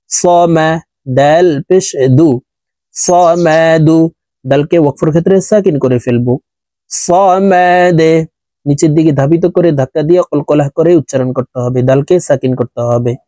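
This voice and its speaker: A man teaching Quran recitation, spelling out letters and vowel marks one by one, then chanting the words slowly, with brisk explanations in between. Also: fairly high pitch, warm tone, dry recording. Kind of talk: slow spelled-out recitation lesson.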